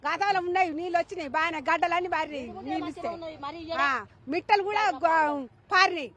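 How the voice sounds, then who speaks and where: A woman's voice: very high-pitched, quick pace, fairly bright tone. A woman farmer with a Telangana Telugu accent, speaking outdoors in a news interview in a pleading, aggrieved way. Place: outdoors among fields.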